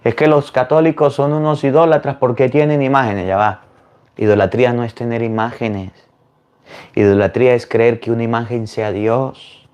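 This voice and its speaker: A man, a priest giving a sermon in an animated, scolding way with many rhetorical questions. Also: medium pitch, lo-fi sound.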